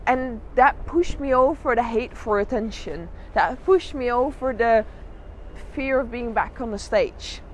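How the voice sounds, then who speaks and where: A woman with a fairly high voice speaks as an interviewed drag artist. She tells her own story reflectively and leans on repeated words for emphasis. Faint city and vehicle noise sits behind her. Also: unhurried. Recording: noisy outdoor urban spot with traffic.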